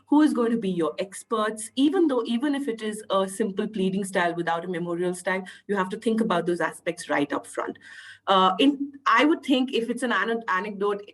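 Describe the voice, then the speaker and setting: A woman's voice: lowish voice, rough recording. Nasal woman with a cough on a panel. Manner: earnest, filler-heavy, deliberate. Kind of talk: online panel talk. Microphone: video call.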